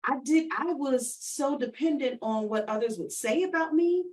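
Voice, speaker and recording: Recorded from a distance, this online radio host has a high, animated voice with a darkish tone and a normal speaking speed. In a warm-up chat interview she addresses listeners directly, affirming and encouraging her guests and audience while frequently repeating phrases.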